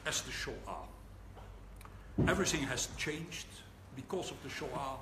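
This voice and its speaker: An older Dutch man from the Netherlands, a rabbi, gives a public lecture in a fairly high voice with lively intonation. His manner is wry and deliberate, and he pauses for laughs. The recording is from an echoey hall, with audible room noise.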